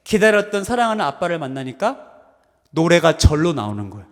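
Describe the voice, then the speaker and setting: High-voiced pastor in an echoing church. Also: male voice, big pitch swings, a little fast. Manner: warm storytelling with sudden loud bursts. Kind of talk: sermon. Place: church sanctuary. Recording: long hall reverb in a church.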